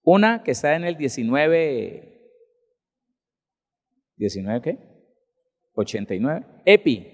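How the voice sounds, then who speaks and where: A man's voice: slow pace, long pauses, long reverb tail. A male pastor giving a conversational sermon at a Bible seminar, asking the congregation questions and acting out people's excuses. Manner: lively, rises in pitch and loudness for emphasis.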